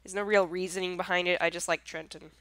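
A woman's voice: fairly low pitch, steady tone, quick pace, fairly bright tone, clean tone, no echo. A woman with a congested, nasal voice chatting casually through her gameplay, easily surprised and self-deprecating. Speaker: gameplay commentator.

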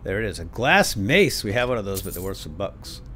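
A gaming host with a lowish, sharp-toned voice is very animated and fairly quick as he addresses his companion during play. His commentary is playful, theatrical and lightly role-played, and game ambience and effects add a little background noise.

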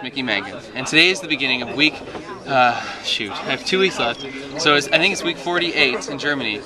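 A young American man, a native English speaker, hosts a playful chat in halting German, stopping to hunt for words. His voice sits a little high. He was recorded outdoors on a city rooftop with a camera mic, and busy crowd noise comes through behind him. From Chicago, USA. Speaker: host. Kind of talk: casual chat in learner German.

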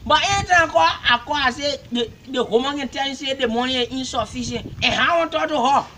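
A man's voice: very high-pitched, quick pace, sharp tone. A man with a Liberian West African accent playing an agitated, simple-minded man in a comedy skit, stammering and repeating his complaints insistently. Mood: pleading, insistent. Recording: faint background noise.

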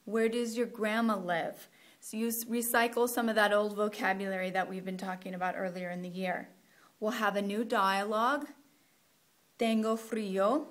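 A woman's voice: mid-range voice, fairly even intonation, normal speed, a bit bright. A woman walking teachers through a week of Spanish immersion lessons in a practical, conversational way, dropping in Spanish phrases. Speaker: Spanish program instructor. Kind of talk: teacher training walkthrough.

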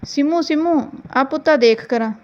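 A woman's voice: high-pitched, normal speed, dull audio, a little hiss or hum, natural voice. A woman voicing a doting, playful uncle who coaxes his niece affectionately in a storybook reading. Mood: coaxing. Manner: coaxing, affectionate.

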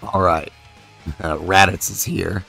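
Slow and low-pitched, this man's voice is creaky with a breathy edge, set against soft background music. A mobile game video creator, he plays and comments casually, thinking aloud with fillers in a relaxed way while losing his voice to a mild illness.

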